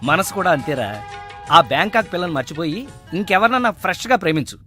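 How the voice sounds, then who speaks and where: A riddling, blustering husband. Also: male voice, sits high, lively intonation, fast, over loud music. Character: blustering married man spinning silly riddle stories. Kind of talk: Telugu film comedy acting. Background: film background score.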